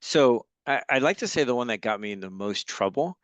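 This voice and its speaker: Smooth-voiced enthusiastic man, mid pitch. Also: a little fast, no room sound, muffled recording. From Los Angeles, United States. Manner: enthusiastic, lively storyteller. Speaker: guest workshop facilitator. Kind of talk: conversational interview.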